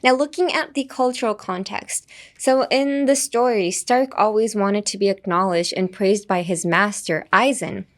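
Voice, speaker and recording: A young woman hosting a pronunciation lesson, switching between two languages, repeating words slowly and laughing often. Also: mid-range voice. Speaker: English pronunciation teacher and host.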